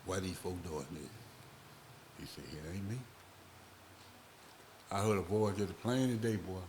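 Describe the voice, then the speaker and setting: A man, a podcast guest telling a long, rambling story in a slow, casual way. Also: sits low, noisy background. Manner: slow, rambling, acts out voices in his stories.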